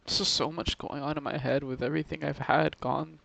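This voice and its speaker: An upset young man records a confessional vlog, near tears and sighing as he speaks. His voice sits a little high and has a gravelly fry. He talks haltingly, stopping and restarting often. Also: steady tone, fairly bright tone, no room sound. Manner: halting, with many pauses and restarts. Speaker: video creator talking to subscribers.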